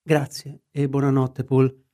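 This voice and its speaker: A man voicing a composed, courteous middle-aged lawyer in a measured tone. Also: mid-range voice, monotone, warm tone, natural voice. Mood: inquiring.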